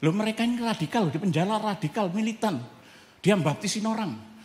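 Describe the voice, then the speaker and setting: A male pastor, preaching a testimony sermon as an animated storyteller who acts out dialogue and sound effects. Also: high voice, a little fast, long reverb tail.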